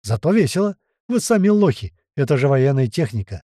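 A man voicing a mocking young man who loudly jeers at his crew in an audiobook. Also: medium pitch, sing-song, fairly quick, dry recording, studio quality, natural voice. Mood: jeering. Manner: loud, jeering and boastful.

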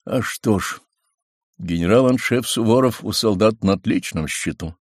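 A man's voice: lowish voice, normal speed, husky, no room sound, clean studio sound. Man reading as plain-spoken soldier servant. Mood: approving.

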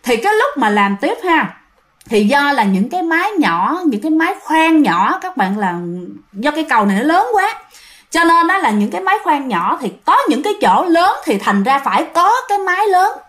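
At a moderate pace, a high-voiced woman with a fairly bright tone spins a ghost story, very animated throughout. She has a Southern Vietnamese accent and chats with her listeners as if addressing them face to face.

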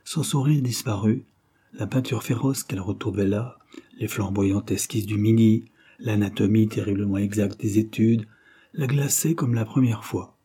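A man narrating a classic novel in a measured, even manner. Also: on the low side, slightly rough. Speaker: audiobook narrator. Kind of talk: scripted literary narration.

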